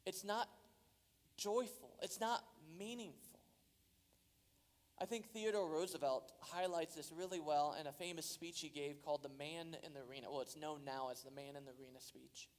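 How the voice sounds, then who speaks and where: A man's voice: on the high side, normal speed. A man preaching a sermon as a pastor, earnest, and his voice rises for emphasis. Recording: long hall reverb.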